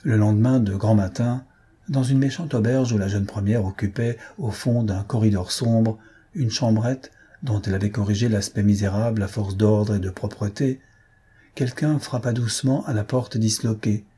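Male narrator for a literary audiobook, low-pitched and husky, measured. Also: steady tone, dark tone. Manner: measured, phrase by phrase.

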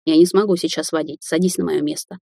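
Woman doing a hoarse, worn-out young guy. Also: sits low, steady tone, fast, warm tone, no echo, clean studio sound. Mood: weak. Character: worn-out young male mage, hoarse and gruff.

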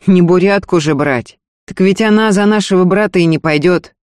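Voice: medium pitch, moderate pace, a little mellow, no room sound, studio quality, voice pushed up, natural voice. A reader voicing a blunt, stubborn young hunter in an audiobook. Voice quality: terse, unsmiling. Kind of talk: audiobook character voice.

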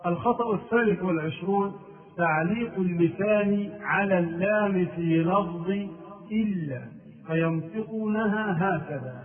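High-voiced man giving a religious lesson, tinny. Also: normal speed, recorded from a distance, crowd noise. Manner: lists errors methodically, chants call-to-prayer phrases as examples. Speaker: Islamic scholar.

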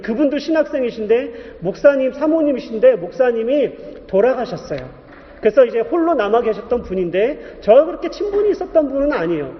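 A man in his thirties, a pastor preaching a testimony, telling his story in an animated way and acting out the voices in it. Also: extremely high pitch. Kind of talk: sermon testimony. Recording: dull echoey hall recording.

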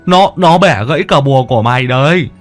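A man's voice: a little high, animated, moderate pace, fairly bright tone, faint music behind, voice pushed up. A man voicing a chatty, stammering young male sidekick who whines a lot in a spoken ghost story. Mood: whining.

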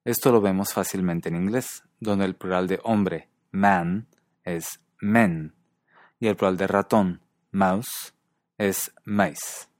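A man narrating a scripted language lesson in a calm, measured way, carefully pronouncing foreign example words. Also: sits low, no room sound, clean studio sound.

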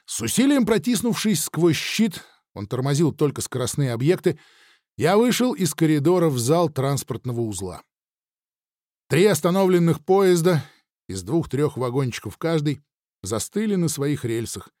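A man reading an audiobook in the first person, his voice high and full of swings in pitch. He gives an expressive, dramatic reading, recorded close and dry. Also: moderate pace, no echo. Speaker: audiobook narrator.

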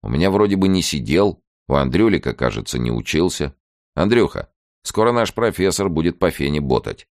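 A man's voice: rumbling low, sing-song, fairly quick, dry recording, studio quality, pitched above the performer's own voice, heavily acted. A man doing a blunt one-armed police chief. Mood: earnest.

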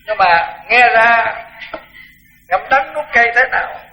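Blunt older monk giving a sermon. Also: male voice, very high-pitched, expressive, slow pace, sharp tone, rough recording. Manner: blunt, frank, repeats words when emphasizing. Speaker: Buddhist monk teacher. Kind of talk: dharma talk sermon.

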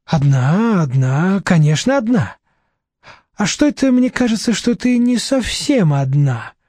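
A man's voice: high-pitched, big pitch swings, unhurried, a little mellow, no room sound, studio quality, exaggerated voice. A man voicing a brash, chatty woman who plays innocent and whines, in a storybook reading. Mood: wheedling. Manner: whiny, feigned innocence. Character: brash chatty woman flat owner, gap-toothed.

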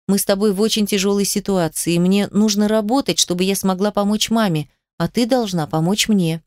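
A woman's voice: mid-range voice, steady tone, brisk, darkish tone, no echo, studio quality. A woman reading a first-person story aloud in an emotional, intimate way. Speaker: narrator. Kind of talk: first-person audiobook narration.

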